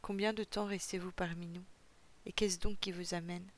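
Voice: medium pitch, flat delivery, normal speed, natural voice. A storyteller voicing a cunning, courteous old widowed lord in a read-aloud story. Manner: courteous, fussing.

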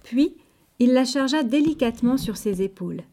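Warm, expressive woman storyteller. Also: fairly high pitch, moderate pace. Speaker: narrator. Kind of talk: storybook reading for children.

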